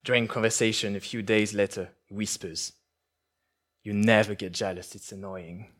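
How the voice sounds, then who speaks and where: Low-voiced author reading aloud. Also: male voice, little pitch movement, a bit bright. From France. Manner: measured, poetic delivery while reading; halting with restarts when answering. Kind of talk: literary reading and interview answers.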